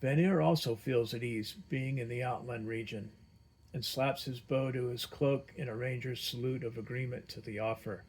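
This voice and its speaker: A male narrator telling a fantasy adventure story in a measured, steady storytelling voice. The voice is husky and sits at a middle pitch.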